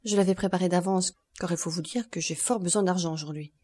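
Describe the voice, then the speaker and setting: A woman reading an audiobook, voicing a calm, ironic, self-assured male count who speaks in a measured way. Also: fairly low pitch, husky. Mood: ironique. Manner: calm, measured and dryly impertinent.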